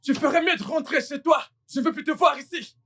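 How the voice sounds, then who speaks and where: A man's voice: very high voice, brisk, a bit bright. A man dubbing an angry, betrayed young man who sternly orders a woman out in a French film dub. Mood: furious. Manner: stern, stammering in anger.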